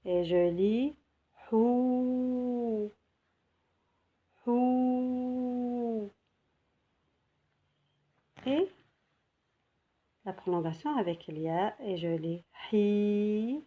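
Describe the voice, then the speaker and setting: Woman, teacher, beginner lesson. Slow, patient, repeats words clearly. Slightly muffled recording. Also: lowish voice, expressive. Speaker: Arabic teacher.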